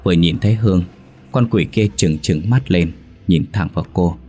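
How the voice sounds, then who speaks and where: A man's voice: low voice, brisk, dark tone, breathy edge. A man narrating a horror story in a dramatic, suspenseful manner.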